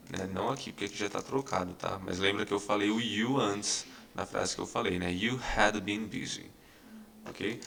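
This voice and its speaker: Gravelly man teaching English. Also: fairly low pitch, pushed and bright. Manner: explains patiently, repeating examples with many "tá?" and "né?" checks. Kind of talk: recorded online lesson.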